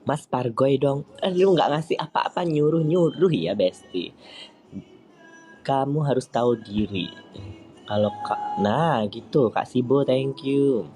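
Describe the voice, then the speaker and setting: A man chatting casually on a live stream, answering viewer comments in a playful, teasing way with sudden high squeaky outbursts. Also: lively intonation, slow pace, warm tone, faint music behind. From East Java, Indonesia.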